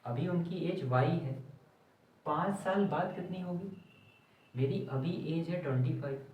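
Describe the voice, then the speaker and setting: A male maths teacher, explaining word problems slowly and deliberately and reading phrases out word by word as he writes. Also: fairly high pitch. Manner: slow, deliberate, reads English phrases word by word while writing on a board. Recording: echoey distant classroom recording, dull and lo-fi.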